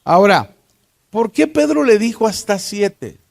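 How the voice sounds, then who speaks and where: Mexican man teaching a Bible lesson, unhurried, keeps asking the class questions. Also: high-pitched, very animated, creaky. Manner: deliberate, asks the class rhetorical questions.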